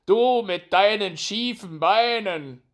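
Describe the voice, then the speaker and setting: A man's voice: sits high, slow pace, fairly bright tone, voice pushed up. A man voicing a proud, scornful male hare in a fairy tale, drawling his words mockingly.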